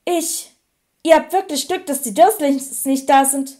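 A woman's voice: high-pitched, lively intonation, unhurried, a little mellow, voice pushed up. A woman voicing a nervous, unsure teenage boy wizard in an audiobook reading.

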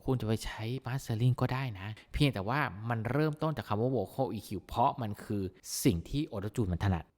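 A man teaching vocal mixing in a casual, excitable way, breaking into amazed exclamations as he demonstrates a plugin. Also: medium pitch, normal speed, big-room sound. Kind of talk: plugin tutorial explanation.

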